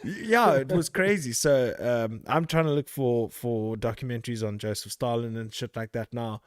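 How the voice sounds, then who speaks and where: A man's voice: medium pitch, moderate pace, no echo, clean studio sound. A man from South Africa hosting a podcast in casual chat, rambling, laughing and swearing loosely. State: out of breath. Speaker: podcast host.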